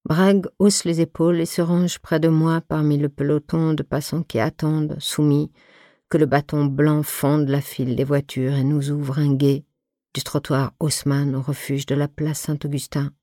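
A woman giving a measured, first-person reading of a literary novel as an audiobook reader. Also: low-pitched, flat delivery, dark tone, no room sound, studio quality.

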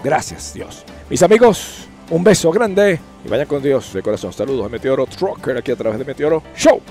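A man's voice: mid-range voice, expressive, normal speed, music in the background. A man who hosts a trucker channel, speaking outdoors and preaching to his viewers with earnest, repetitive urging. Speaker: trucker vlogger and host.

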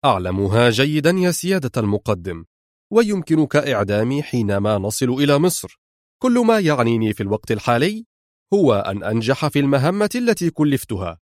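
A man reading an audiobook, voicing a calm, firm young army lieutenant who explains his plan. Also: medium pitch, fairly quick, no room sound, studio quality, lightly acted. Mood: resolute. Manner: calm, resolute.

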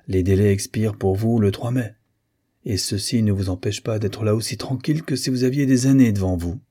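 A man's voice: lowish voice, brisk, dark tone, husky. A man voicing a hot-tempered older navy admiral in an audiobook, blustering and scolding. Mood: teasing. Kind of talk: audiobook character reading.

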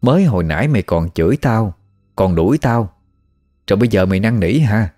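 A fearless old village exorcist scolds a ghost bluntly and without pity. A man with a Southern Vietnamese accent voices him low and mellow, with faint music underneath. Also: animated, brisk, no echo, clean studio sound. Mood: scolding.

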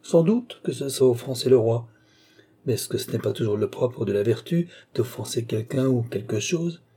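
A man's voice: medium pitch, expressive, moderate pace, warm tone, breathy edge. A man reading a novel aloud, voicing an old worldly duke with a dry, mocking, offhand manner. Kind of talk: audiobook character reading.

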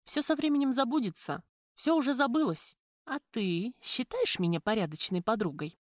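A woman voicing a sharp-tongued, defiant young woman who speaks sarcastically in raised tones in an audiobook. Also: expressive, normal speed, no echo, studio quality. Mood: scornful. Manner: sarcastic, pitched up and louder than the narrator.

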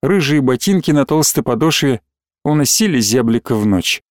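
A man reading a novel aloud as an audiobook narrator in measured, even storytelling. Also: mid-range voice, no room sound, clean studio sound. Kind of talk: scripted narration.

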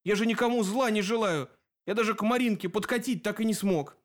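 Man doing a panicky young werewolf guy, high strained pleading voice. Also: brisk, natural voice.

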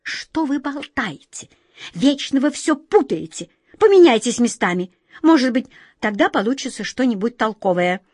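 A woman's voice: medium pitch, expressive, a little slow, dry recording, studio quality. A woman voicing a haughty, imperious female mouse queen in a storybook reading. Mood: scolding. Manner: commanding, condescending.

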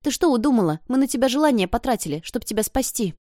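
A woman voicing a fiery teenage girl who scolds with sharp shouts, in an audiobook. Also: fairly high pitch, brisk, no room sound, clean studio sound, close to an everyday voice. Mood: scolding.

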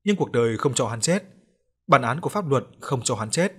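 Give me a man narrating a ghost story in a steady, even manner. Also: mid-range voice, fairly quick, husky.

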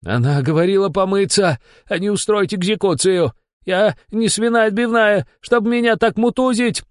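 A man voicing a panicked male police captain who shrieks and yells in a storybook reading. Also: very high-pitched, unhurried, no room sound, clean studio sound, voice pushed up. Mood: shrieking. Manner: shrieking, yelling.

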